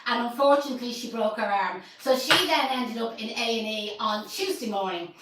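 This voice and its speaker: A woman's voice: a little high, a little fast, very echoey, far from the mic, heavy background noise. An Irish woman hosting a casual live stream, chatty and joking, laughing often. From Ireland. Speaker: host.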